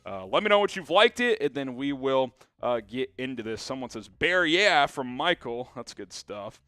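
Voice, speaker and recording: A young man hosting a live sports talk stream, reading viewer comments aloud in an energetic, chatty way with plenty of fillers. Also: medium pitch, moderate pace, dry recording, clean studio sound. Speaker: sports show host.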